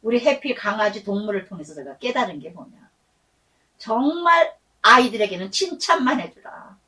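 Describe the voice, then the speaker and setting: A middle-aged woman pastor preaching a sermon, telling stories in a lively way and acting out the voices she quotes, stretching words for emphasis. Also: mid-range voice, moderate pace, far from the mic, low-quality recording.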